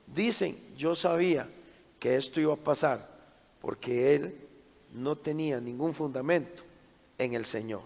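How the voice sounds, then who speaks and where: A middle-aged man delivers a sermon built around a dramatic personal story, moving between hushed passages and loud bursts. His voice is gravelly and sits a little high. The sound carries a long reverb from a church hall. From Costa Rica. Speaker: preacher at a men's conference.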